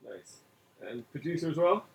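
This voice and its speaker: A man's voice: fairly high pitch, normal speed, vocal fry, a little hiss or hum, rough recording. A man hosting a local radio music show, chatting casually with many hesitations. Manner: relaxed, hesitant with many fillers. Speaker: radio host.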